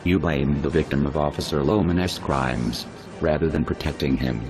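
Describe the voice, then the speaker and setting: A man with his voice disguised and pitched down very deep, reading a scripted threatening statement in a slow, measured, menacing way. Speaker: spokesperson for a hacker collective. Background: music.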